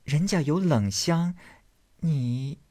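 Man doing a teasing, sharp-tongued young girl, lifted high and hushed; storybook reading. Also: expressive, unhurried, husky. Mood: mocking. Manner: coy, mocking, playful.

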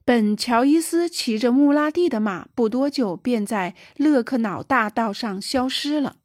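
A woman's voice: lively intonation, a little slow, a little mellow, dry recording, clean studio sound. A woman reading a novel aloud as narrator, lifting her voice for the characters' dialogue. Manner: raises pitch and volume for quoted dialogue. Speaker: audiobook narrator. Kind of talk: scripted narration.

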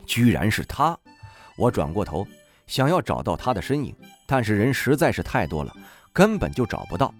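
A man narrating a novel in the first person, wry and expressive. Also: on the low side, normal speed, soft background music. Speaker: audiobook narrator.

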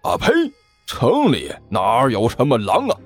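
A low, sneering growl of a mean street robber boss, as a male storyteller puts him on. He snaps and scoffs with bursts of contempt, over faint background music. It is a storybook villain, impatient and cocky. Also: very animated, moderate pace, darkish tone, no room sound. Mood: scornful. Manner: scornful, snappish, sneering.

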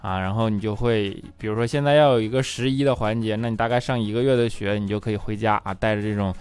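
A man's voice: lowish voice, fairly even intonation, fast talker, darkish tone, clear, resonant tone. A man performing a stand-up comedy monologue as host, chatty and teasing, often asking the audience "right?". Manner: chatty, teasing, with frequent rhetorical "right?" asides.

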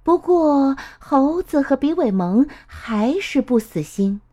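A woman reading a children's story aloud, slow and expressive in a sing-song way. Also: high voice.

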